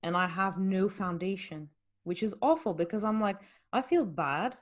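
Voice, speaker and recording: A fitness coach hosts her podcast in a casual, candid chat, her medium-pitched voice moving at a moderate pace with lively intonation. She explains things by posing rhetorical questions.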